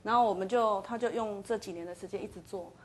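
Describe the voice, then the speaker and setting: A woman guest with a Taiwanese Mandarin accent, telling her own story in a soft, hesitant way. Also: medium pitch, fast talker, a crowd in the background. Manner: soft-spoken, hesitant, mixes in Taiwanese phrases. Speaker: interview guest. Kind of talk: personal story in an interview.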